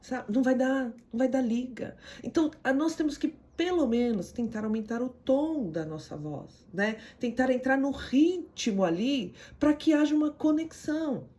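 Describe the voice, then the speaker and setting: A woman with a Brazilian accent giving an animated motivational teaching talk as a communication coach, often tagging her sentences with a questioning "né?". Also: high voice, moderate pace, hardly any pauses. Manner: animated, frequent "né?" tags, acts out quoted voices.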